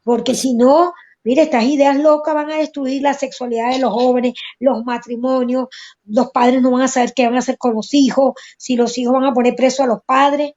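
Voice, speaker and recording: A woman's voice: sits high, fairly even intonation, normal speed, a little mellow. A woman on a religious talk show who speaks urgently and piles up rhetorical questions. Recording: dull lo-fi audio.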